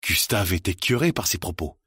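Low husky-voiced male audiobook narrator. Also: big pitch swings, normal speed, pushed and bright, dry recording, studio quality. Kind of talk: scripted narration.

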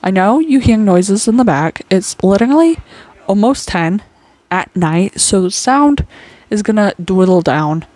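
A woman's voice: mid-range voice, expressive, unhurried, dark tone, no room sound. A woman with a speech impediment that turns her R's into W's, chatting casually and goofily as a reaction host. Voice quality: speech impediment, cannot pronounce R's, says w for r. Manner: goofy, informal. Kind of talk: casual chat, reacting to true crime video.

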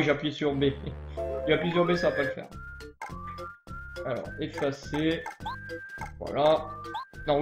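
High-voiced, chatty male streamer. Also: roomy sound, lo-fi sound. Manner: chatty, rambling, greets chat viewers. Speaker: let's play streamer. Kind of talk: casual live game commentary.

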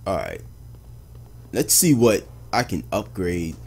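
A man hosting a let's play, commenting with jumpy, excitable, chatty reactions. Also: low voice, slow, creaky, slightly rough. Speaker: gaming video host.

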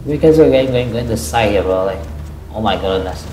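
A man's voice: on the low side, expressive, fairly quick, warm tone, echoey room, a little hiss or hum, rough recording. A man casually commenting on a video game during a live stream, exclaiming often and rambling. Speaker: gaming streamer.

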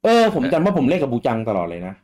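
A man's voice: medium pitch, sing-song, racing, darkish tone. A man in his thirties from Thailand, hosting a podcast in a rambling casual chat full of fillers and repeats. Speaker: podcast host.

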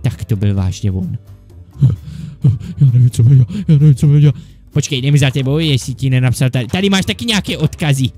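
With an expressive, dark-toned voice of medium pitch and faint music in the background, a gaming YouTuber works through a comedic Minecraft let's play. He plays two bickering sidekick friends in nervous, panicky chatter full of mild swearing.

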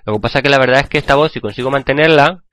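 A man with a Spain Spanish accent, hoarse from a cold, chatting and joking with viewers while playing a game. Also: mid-range voice, racing, fairly bright tone. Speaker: gaming channel host. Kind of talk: gameplay commentary.

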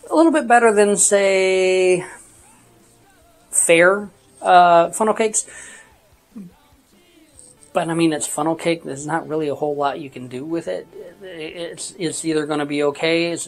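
Vlogger from Texas, casual food-review voice-over, relaxed, wry asides, middle pitch. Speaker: theme park food reviewer.

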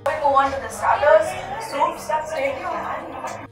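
Bubbly high-voiced woman food vlogger. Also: takes it slowly, distant mic. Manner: bubbly, enthusiastic. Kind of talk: upbeat food review to camera. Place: indoor restaurant dining room. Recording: echoey room, off-mic, music underneath.

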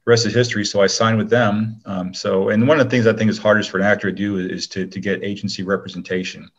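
A middle-aged man with a very deep voice appears as a guest in a casual interview, talking fast in a flat, modest, conversational way. The recording sounds slightly dull and lo-fi.

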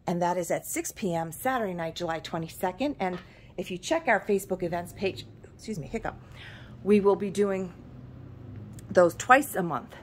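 Among the glass shelves of her antique shop, a middle-aged woman films indoors on a handheld phone, chatting casually at normal speed about each item and what it costs. Her voice is fairly low, and there's a little hiss or hum.

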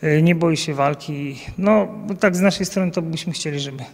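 A national team coach in his thirties answers interview questions outdoors beside a banner at an event, speaking into a handheld mic the interviewer holds. His voice is fairly high and moderately paced, with a long reverb tail, and his answers are full of fillers and restarts.

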